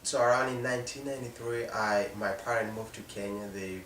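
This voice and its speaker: This is unscripted personal storytelling from a young man whose low voice carries a South Sudanese accent and a fairly bright, steady tone. He falters often, leaving sentences unfinished, and the distant mic catches a roomy echo and faint noise.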